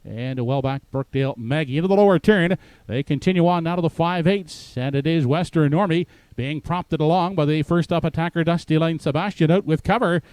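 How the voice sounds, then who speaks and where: A man's voice: on the high side, fairly quick, darkish tone, smooth, dry recording. A man calling a harness race as live commentary, in an announcer's delivery that builds in intensity toward the finish.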